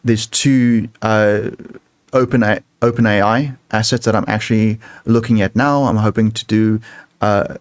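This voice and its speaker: A software developer answering audience questions on a video call, talking in halting sentences full of restarts. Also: male voice, lowish voice, fairly even intonation, no room sound. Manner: halting, many restarts and fillers. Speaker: software developer speaking at a meetup. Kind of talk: casual tech talk Q&A.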